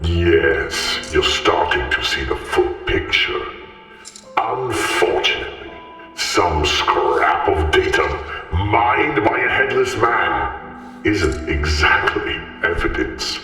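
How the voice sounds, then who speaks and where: Game role: cryptic, smug data informant acted by a man, extremely deep and deliberate, drenched in reverb. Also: lively intonation, bright, forceful tone, exaggerated voice. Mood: cryptic, musing. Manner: musing, deliberate. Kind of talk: video game character acting. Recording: echoey long reverb with music. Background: music.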